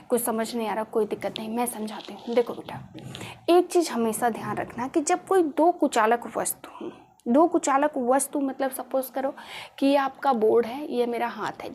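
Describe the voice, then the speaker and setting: A woman's voice: high voice, a little mellow, a little hiss or hum. A woman teaching a class, who keeps asking her students questions and repeating the key terms. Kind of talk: classroom lecture. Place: classroom with a board.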